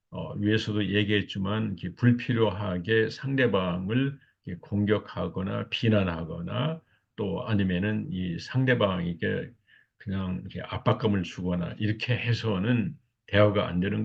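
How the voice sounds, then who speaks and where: Husky gravelly older man lecturing. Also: on the low side. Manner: halting, many fillers, repeats "이렇게" constantly. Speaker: lecturer on marriage communication. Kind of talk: recorded lecture. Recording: dull lo-fi recording.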